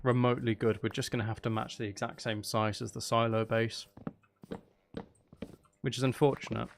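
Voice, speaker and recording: Over background noise, a gravelly mid-range male voice speaks at an ordinary speed with little pitch movement. This live streamer thinks out loud during a casual gaming stream, questioning his own choices while building and chatting with viewers, often seeming to talk mostly to himself.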